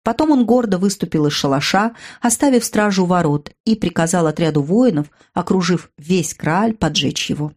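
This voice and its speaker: A woman's voice: lowish voice, animated, normal speed, hardly any pauses, a little mellow. A woman narrating a dramatic audiobook, raising her voice for the characters' cries.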